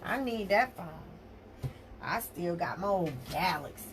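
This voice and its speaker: A woman's voice: lowish voice, expressive, measured pace, slight background noise. A woman, chatting casually with her viewers as she hosts a crafting livestream. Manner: chatty, talks to viewers directly and folksy. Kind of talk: casual live chat while crafting.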